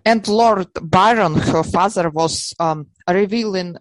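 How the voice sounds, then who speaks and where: A woman with a Russian accent speaks slowly and haltingly in conversation, searching for her words. Her voice sits slightly low, and the sound is close and dry. She is emphatic, often repeating words to press her point. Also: no echo, poor audio. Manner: halting, searching for words in non-native English. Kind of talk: unscripted conversation, explaining theories.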